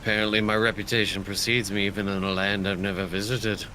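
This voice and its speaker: A man's voice: little pitch movement, fast talker, pushed and bright, poor audio. A man playing a tabletop role-playing game, speaking partly in character. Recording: clear rumbling background noise.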